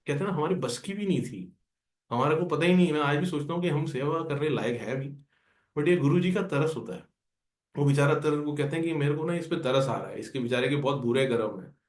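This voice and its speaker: A devotee shares a personal experience as a storytelling testimony, speaking conversationally and acting out dialogue with his friends. His voice sits at medium pitch, and the recording has a roomy echo.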